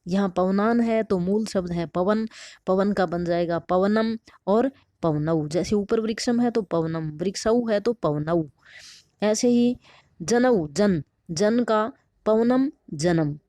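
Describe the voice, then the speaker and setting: A woman's voice: mid-range voice, dark tone, no echo, clean studio sound. A woman teacher patiently explaining a textbook lesson, asking questions and answering them herself. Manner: patient, asks and answers her own questions.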